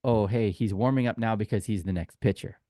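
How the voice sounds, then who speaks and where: A tour guide co-hosting a relaxed sports podcast recounts anecdotes in a chatty, informal style, acting out the exchanges he quotes. His voice is on the low side, warm, and brisk. The audio is studio quality without echo.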